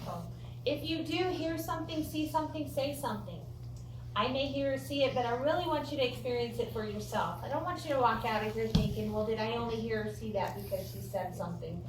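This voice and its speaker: American female ghost tour guide, informal and jokey storyteller, fairly high voice, picked up from afar with clear noise. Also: a little fast. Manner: folksy, joking, chatty storytelling. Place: indoor room of an old theatre. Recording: roomy echo, distant mic, clear background noise.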